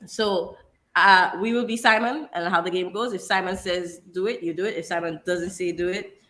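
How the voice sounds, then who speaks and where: A woman's voice: lowish voice, fairly even intonation, normal speed, fairly bright tone. A woman teaches in a casual interactive lesson, encouraging and guiding step by step. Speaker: language teacher.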